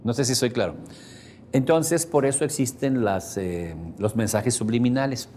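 A seminar instructor with a Mexican Spanish accent lectures a live group in a seminar room, his voice medium-pitched and warm, at a moderate pace with a little hiss or hum. He explains in a chatty way, using everyday examples and checking in with his listeners.

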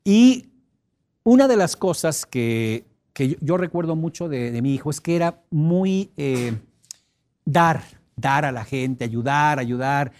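A middle-aged man delivers an expressive personal development teleseminar, emphatic and repetitive, sometimes bursting into sudden loud cries to make a point. His voice is fairly high-pitched and he speaks slowly.

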